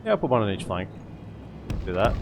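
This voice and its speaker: A man's voice: fairly low pitch, big pitch swings, fairly quick, noisy background. A man giving casual strategy game commentary as a streamer, thinking aloud as he goes. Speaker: gaming streamer. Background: game music.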